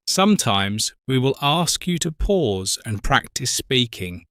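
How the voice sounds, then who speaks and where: A British man in his forties co-hosting an English lesson podcast, speaking slowly and clearly for learners. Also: medium pitch, very animated, fairly bright tone, no room sound, clean studio sound. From Britain. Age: 40s. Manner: slow, careful, spells out words. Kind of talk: slow scripted teaching talk.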